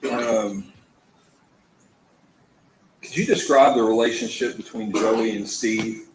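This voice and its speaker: A man in a courtroom recording, an attorney questioning a witness, halting with frequent ums and restarts. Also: lowish voice, steady tone. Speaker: prosecuting attorney. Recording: echoey courtroom with faint hiss.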